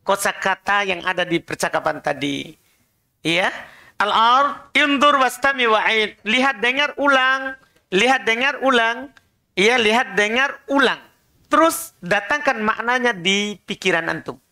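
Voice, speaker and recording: High, bright-voiced male language teacher. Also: expressive, unhurried, creaky. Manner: corrects pronunciation, makes students repeat. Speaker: Arabic teacher. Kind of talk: classroom language drill. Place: prayer room studio.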